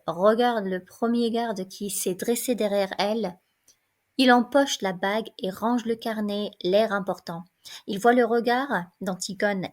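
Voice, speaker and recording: A woman reading the stage directions and narration of a play in an even, measured voice. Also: mid-range voice. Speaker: reader.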